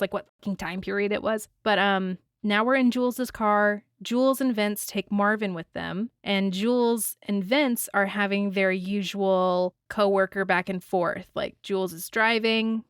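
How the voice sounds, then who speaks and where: A woman hosting her own podcast, reviewing a movie in casual, animated talk with frequent swearing and laughter. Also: mid-range voice, smooth, dry recording, clean studio sound. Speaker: podcast host.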